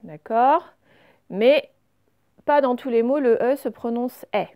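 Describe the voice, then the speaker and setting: A woman teacher going carefully through reading exercises for young pupils, saying each word clearly before explaining it. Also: on the high side, slow, darkish tone. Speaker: primary school teacher.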